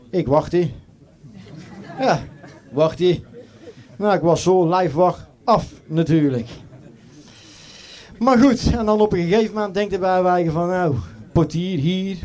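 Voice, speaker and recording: A man's voice: sits high, mellow. A middle-aged man with a Brabant accent doing a carnival stand-up act in character as a doorman, chatty and joking with lots of fillers. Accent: Brabant Dutch. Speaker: carnival comedian.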